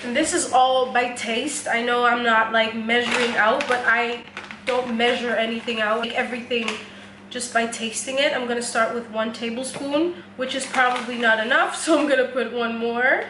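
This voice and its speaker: Young woman, high voice, chatty cooking vlogger, jokey and casual, echoey kitchen. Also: fairly even intonation, normal speed, background noise. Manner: chatty, joking, laughs often, casual swearing. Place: home kitchen.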